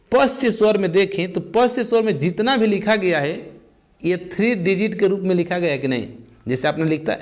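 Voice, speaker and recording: Leading an exam-prep lesson, a high-voiced man poses questions to the class and then answers them himself. He goes step by step, repeating the key terms.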